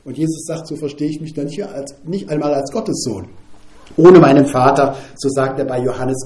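An older man preaching a sermon in a lively, conversational way, often tagging his points with a questioning "nicht?". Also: mid-range voice, reverberant.

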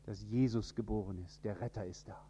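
A man from northern Germany with a standard High German accent, preaching an emphatic sermon. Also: fairly even intonation, fairly quick, a little hiss or hum. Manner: emphatic, with sudden rises in pitch and loudness.

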